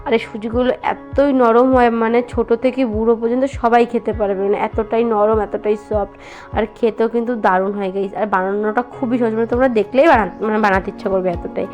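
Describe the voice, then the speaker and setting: Young woman home vlogger, chatty and casual, slightly high voice, music bed behind. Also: fairly even intonation, quick pace, muffled recording. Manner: chatty, many fillers, addresses viewers as guys; speaks softly so as not to wake her baby. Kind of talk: casual home vlog narration. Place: home kitchen and bedroom, indoors.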